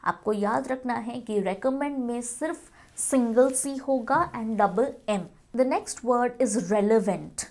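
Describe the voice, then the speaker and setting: A woman's voice: a little high, slow pace, darkish tone. A woman teaching English spelling in a mix of Hindi and English, spelling words letter by letter and often saying "okay". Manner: addresses viewers as friends, frequent "okay".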